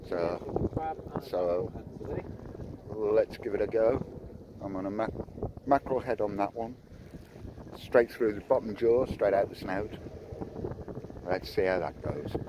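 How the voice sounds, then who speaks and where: A man's voice: on the low side, takes it slowly, long pauses, highs cut off. Windy man vlogging on a pier. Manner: chatty, talks through his fishing tackle. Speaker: fishing vlogger. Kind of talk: casual vlog to camera. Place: outdoors on a harbour pier by the sea. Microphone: phone camera at arm's length. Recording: windy outdoor phone recording. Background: wind and water noise.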